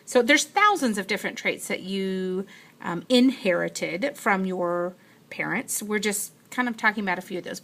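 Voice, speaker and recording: A woman teacher gives a patient science lesson in class, explaining step by step and thinking aloud about what she writes. Her voice is medium in pitch with a sharp tone.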